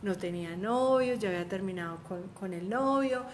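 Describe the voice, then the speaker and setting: A woman's voice: medium pitch, moderate pace, a little hiss or hum. Heartfelt woman sharing testimony. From Colombia. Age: 30s. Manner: heartfelt, conversational, many restarts. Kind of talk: personal faith testimony.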